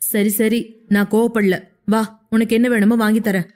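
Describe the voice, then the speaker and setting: A woman's voice: on the high side, little pitch movement, normal speed, a little mellow, close to an everyday voice. A woman voicing a stern, bossy young man who scolds and gives clipped orders in an audio story. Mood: soothing.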